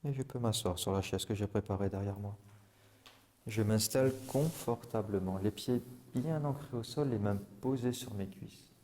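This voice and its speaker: A man with a fairly low, mellow voice guides listeners through a body-awareness and breathing routine. He speaks in the first person, slowly and calmly, as if doing each step himself. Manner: slow, calm instructions in first person. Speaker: relaxation guide.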